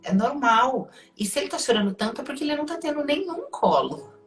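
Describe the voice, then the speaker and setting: A woman's voice: high voice, very animated, a little fast. A woman with a Brazilian Portuguese accent, a life coach giving emphatic advice and repeating key points for stress. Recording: echoey room with faint music behind.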